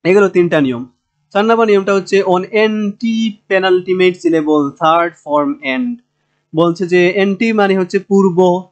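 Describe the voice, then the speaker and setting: A man lecturing on linguistics in a Bangladeshi Bengali accent, with a slightly higher voice than most men. He stretches out each example word slowly and fills his pauses with hesitant sounds. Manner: slow, drawn-out sounding of example words with hesitant fillers. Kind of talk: recorded lecture.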